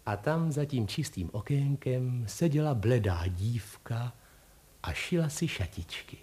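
Brief: male storybook narrator, playful and lively, mid-range voice. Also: medium pitch. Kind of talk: storybook reading.

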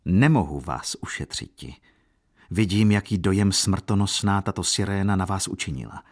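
A worldly count, read by a man with a very low voice, speaks calmly and gravely. He delivers his warnings in measured, steady phrases. The voice is deep and unhurried. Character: calm, worldly older nobleman, a count.

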